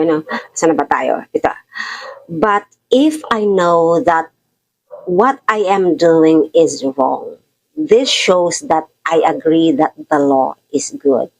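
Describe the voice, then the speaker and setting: A woman's voice: medium pitch, a little mellow, muffled recording. A middle-aged woman giving a casual, confiding Bible talk, laughing often and switching into English now and then. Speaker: Bible study teacher.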